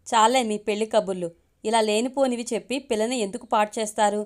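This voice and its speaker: A woman voicing a quick-tempered, jealous young wife in a storybook reading, scolding and sulky in her speech. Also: on the high side, fairly even intonation, darkish tone, lightly acted.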